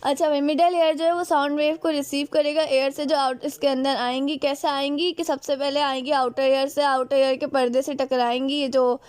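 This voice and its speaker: A high-voiced woman teaches biology with a Pakistani Urdu accent. She explains step by step, keeps asking questions and answering them herself, and switches into English terms. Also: little pitch movement, normal speed, few pauses, a little mellow, dry recording. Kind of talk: classroom biology lecture.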